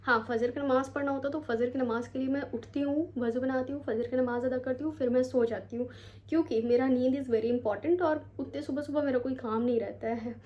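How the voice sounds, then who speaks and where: A young woman from India vlogs at home into a handheld phone camera. Her voice sits high and light, and she rambles in a casual, chatty way, tossing English words in as she goes. She sounds worn out after standing all day. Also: steady tone, a little fast, muffled recording. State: tired, sore feet. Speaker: vlogger. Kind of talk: casual vlog chat to camera. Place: home, bedroom.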